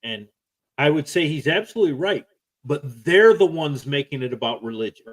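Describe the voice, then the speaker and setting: Man, somewhat high voice, forceful, stop-start, repeats his points. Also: expressive, fairly quick. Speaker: podcast co-host. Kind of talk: casual live-stream talk.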